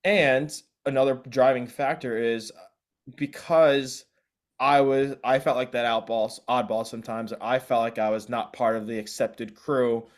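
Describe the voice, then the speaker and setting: A man's voice: medium pitch, steady tone, unhurried. Earnest man. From South Korea. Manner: earnest, reflective, restarts phrases often. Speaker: guest DJ. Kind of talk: casual interview chat.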